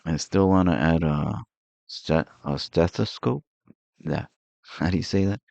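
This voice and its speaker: A man's voice: deep voice, fairly even intonation, normal speed, creaky, a little mellow, no room sound, dull audio. A man streamer chatting casually and rambling while he draws and plays games, chuckling often. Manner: rambling and easygoing, with frequent chuckles.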